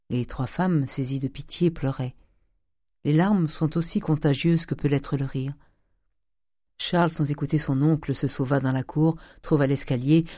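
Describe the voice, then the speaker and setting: A man narrating a classic novel as an audiobook reader, in a measured, even way. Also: medium pitch, no echo, studio quality. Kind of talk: literary narration.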